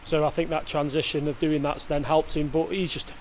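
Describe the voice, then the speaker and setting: A man's voice: fairly high pitch, little pitch movement, a little fast, a little mellow, a little hiss or hum. A man, a football manager giving a post-match interview in a hesitant way, full of fillers and restarts, recorded close up indoors. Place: indoor press area before a sponsor board.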